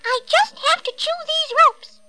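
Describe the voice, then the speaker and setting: A woman voicing a tiny, polite, eager female mouse in a very high, squeaky voice. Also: a little slow, very noisy. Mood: reassuring.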